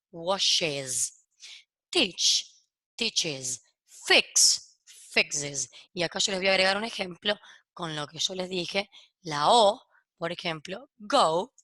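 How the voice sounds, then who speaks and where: Bright woman teacher, walks kids through english verb endings one by one, keeps asking ok?, dry close sound. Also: mid-range voice, no echo. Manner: explains step by step, checks in with "¿ok?" after each point; switches between Spanish explanation and English examples. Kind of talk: recorded grammar lesson for kids.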